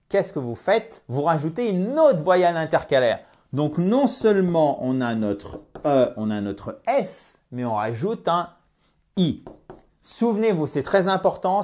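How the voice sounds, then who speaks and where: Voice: mid-range voice, darkish tone. An English teacher giving a beginner grammar lesson, repeating example words and stressing pronunciation, checking in with viewers with a frequent "ok?". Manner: addresses viewers directly with frequent "ok?".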